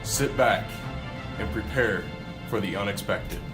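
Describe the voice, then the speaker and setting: A man's voice: lowish voice, a little slow, music in the background. A man giving mock-dramatic, ominous documentary narration.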